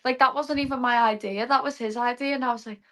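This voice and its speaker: A woman's voice: high-pitched, steady tone, fast talker, sharp tone. A young woman, a guest artist on a casual podcast, telling stories with chatty enthusiasm.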